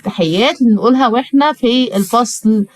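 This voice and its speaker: A woman with an Egyptian accent teaching English to young pupils, talking directly to the child and repeating words slowly, syllable by syllable. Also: on the high side, no echo, poor audio. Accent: Egyptian Arabic. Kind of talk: online lesson with spelling drills.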